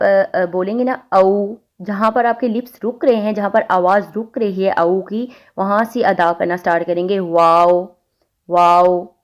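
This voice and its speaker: A woman teaching a recitation lesson, explaining letter sounds patiently and repeating them slowly to demonstrate. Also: mid-range voice, a little mellow. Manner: patient, repeats points to the listener.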